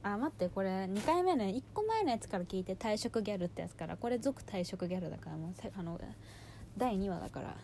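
A woman in her twenties chatting casually in slangy gyaru, valley-girl style, telling stories in an animated, exasperated way as she hosts a personal audio diary. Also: medium pitch, fast talker, vocal fry, slight background noise. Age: 20s. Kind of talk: casual chat, venting monologue.

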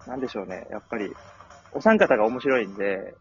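A man's voice: fairly low pitch, animated, fast. A man speaking as a guest in casual comic chat, polite, self-deprecating and a little hesitant. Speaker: guest, regular listener of the show. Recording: dull audio with music behind.

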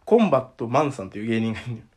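A man co-hosting a casual chat show, telling animated stories and laughing often. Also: medium pitch, racing. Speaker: podcast co-host.

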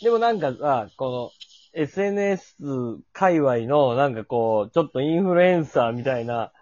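A man's voice: medium pitch, lively intonation, moderate pace, darkish tone, dry recording, highs cut off. A man with a Kansai accent in casual, colloquial chat.

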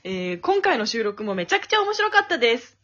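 A young woman co-hosting a casual comedy podcast, loud and hyper, playing a mock-formal emcee and laughing often. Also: fairly high pitch, big pitch swings, fairly quick. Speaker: co-host. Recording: lo-fi, muffled audio.

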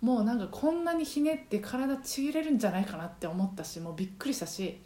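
Singing coach lady chatting at home, fairly high voice, lots of um and uh, roomy echo. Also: lively intonation, quick pace, mellow. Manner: chatty, many fillers, sings short phrases to demonstrate. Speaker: podcast host and singing trainer. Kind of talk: casual solo podcast talk. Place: apartment home.

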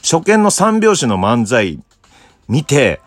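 A man's voice: big pitch swings, slow, no room sound. A man hosting a casual solo talk show, reading listener letters and laughing at himself in a bashful way. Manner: bashful, laughs at himself, drifts between low murmurs and high bursts.

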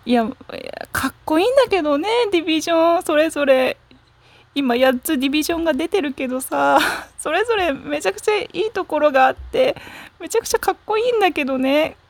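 A woman hosting a casual solo fan chat muses aloud in a high-pitched, animated, fast voice, recorded on a smartphone app with no room sound. She rambles frankly, often stopping to correct herself and trailing off into fillers.

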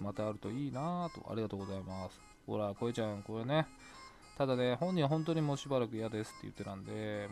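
Gravelly man chatting over soft music. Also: mid-range voice. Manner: chatty, rambling, laughs to himself. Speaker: podcast host. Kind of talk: solo talk radio looking back.

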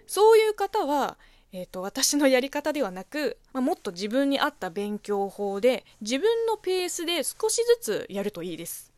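Lively woman podcaster. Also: high voice, normal speed, few pauses, dry recording. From China. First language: Chinese. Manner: chatty, expressive, answers listener letters. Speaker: podcast host. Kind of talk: casual solo radio talk.

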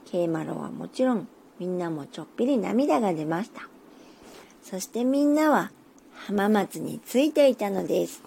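A woman reading a children's fairy tale aloud in a gentle, soothing bedtime manner. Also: medium pitch, animated, normal speed, creaky, slight background noise. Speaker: storyteller.

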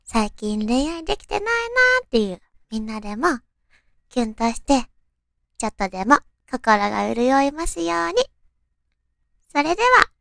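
A woman hosts a radio show in a very high, cute anime-girl voice, girlish and animated, her pitch moving around a lot. She talks sweetly to listeners in soft-hearted radio talk, reading out their love stories. The recording is dry and close.

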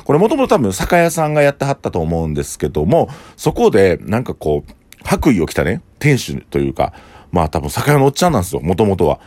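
Low-voiced Kansai man hosting a podcast. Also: quick pace, dry recording. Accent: Kansai Japanese. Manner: relaxed, frequent filler sounds, rambling. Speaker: podcast host and restaurant owner. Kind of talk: casual solo podcast talk.

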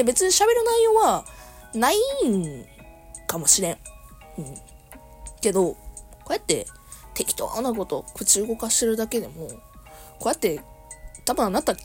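A woman's voice: medium pitch, darkish tone. A young woman with a Kansai accent, chatting casually on her own radio talk show, laughing often and correcting herself as she goes. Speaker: podcast host. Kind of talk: casual solo radio chat.

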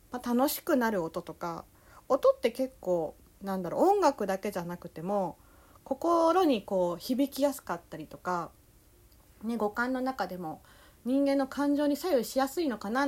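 Young Kansai-accented woman, solo podcast host, slightly high voice, loose and rambling delivery. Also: darkish tone. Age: young adult. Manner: easygoing, meandering, full of fillers. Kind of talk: casual solo talk.

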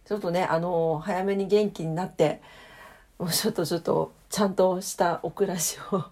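A woman's voice: on the low side, fairly even intonation, fairly quick, a little mellow. A tired, hungover woman hosting a casual solo radio diary, talking politely and apologetically. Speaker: radio show host.

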